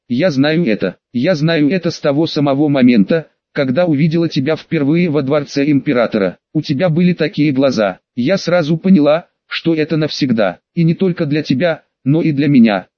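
A man's voice: a little high, moderate pace, hardly any pauses, no echo, close to an everyday voice. A man voicing a vain, scheming former courtesan who speaks in a theatrical, honeyed way, in a dry, slightly dull recording. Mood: pleading, scheming.

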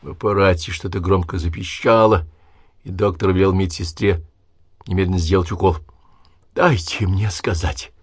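A man with a very deep voice narrates an audiobook in a measured, even style. The recording is dry and close to the mic, with no room sound. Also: slightly rough, dry recording. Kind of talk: scripted narration.

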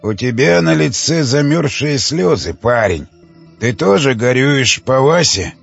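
Man voicing a gruff old cannibal lord. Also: medium pitch, animated, a little slow, soft background music, full character voice. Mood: somber. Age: older. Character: old weary cannibal leader, gruff, fatherly. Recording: dull lo-fi dry recording.

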